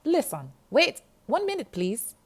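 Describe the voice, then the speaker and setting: A woman's voice: high voice, huge pitch swings, unhurried, voice pushed up, exaggerated voice. A woman voicing a brash young Jamaican woman in a detention centre queue, bossy and streetwise, with a Jamaican accent. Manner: bossy, loud, streetwise, calls everyone darling.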